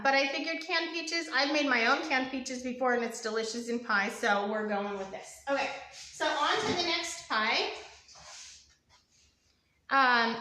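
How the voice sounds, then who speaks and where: A woman's voice: fairly high pitch, bright, forceful tone, roomy sound, a little hiss or hum. A young woman hosting a live home baking stream in her kitchen, rambling and chatty with lots of ums and asides to her viewers. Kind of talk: casual live cooking demo.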